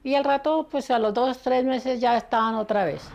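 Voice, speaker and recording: A woman's voice: on the high side, moderate pace, vocal fry, lo-fi sound, music in the background. An older woman with a Colombian accent earnestly recounting family events as an interviewee. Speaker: interviewee, grandmother. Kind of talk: personal testimony.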